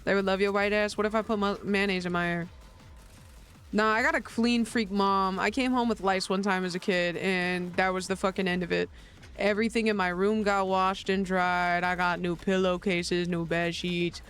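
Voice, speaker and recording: A man's voice: high voice, level tone, moderate pace, fairly bright tone, smooth, soft background music. A man streaming a video game, chatting casually, joking, laughing often and swearing freely, tired after little sleep. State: tired after a long night.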